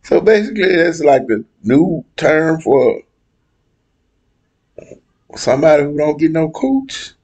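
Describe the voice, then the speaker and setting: In a heated panel debate, a young man argues his side bluntly, his speech full of slang. He talks slowly and hammers his points home by repeating them, in a fairly high, sing-song voice that's a little mellow.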